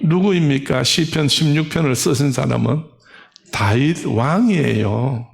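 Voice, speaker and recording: A man's voice: mid-range voice, measured pace, vocal fry. A middle-aged male pastor preaching a sermon, telling a story animatedly and acting out the voices of old women.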